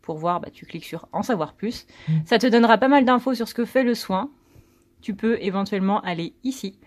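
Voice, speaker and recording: A woman's voice: medium pitch, a little fast. A woman giving a casual, rambling tarot reading, full of fillers and self-corrections. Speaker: tarot card reader.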